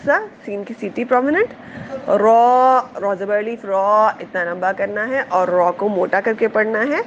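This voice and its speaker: A woman teaching Quranic pronunciation in a tajweed lesson. She explains each sound patiently, repeats it slowly and checks her students understand. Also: medium pitch, lo-fi sound, slight background noise.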